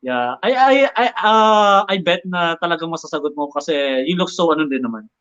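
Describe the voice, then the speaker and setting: Male host, high-pitched, playful talk, muffled online sound. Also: expressive, fairly quick, fairly bright tone. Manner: chatty, mixes English and Filipino, jokes. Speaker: interview host. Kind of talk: casual online interview. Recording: dull lo-fi online audio.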